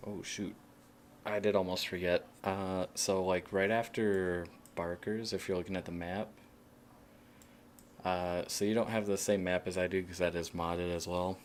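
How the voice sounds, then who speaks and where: A man streaming a game, chatting casually with other players in a relaxed, hesitant way with many fillers. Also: low voice, measured pace, a little hiss or hum. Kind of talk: casual voice chat while playing.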